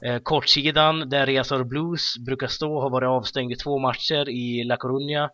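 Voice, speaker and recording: Bright-voiced podcast host. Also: male voice, medium pitch, level tone, no room sound. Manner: steers talk with questions to panelists. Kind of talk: hosting a podcast discussion. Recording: dry, dull lo-fi sound.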